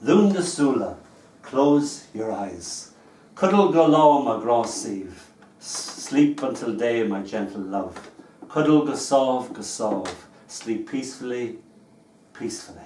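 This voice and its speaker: An Irish poet gives a live reading in a small venue, his medium-pitched voice animated, slow and darkish, trading wry, chatty stories between poems. The recording is echoey and distant, with a little hiss or hum.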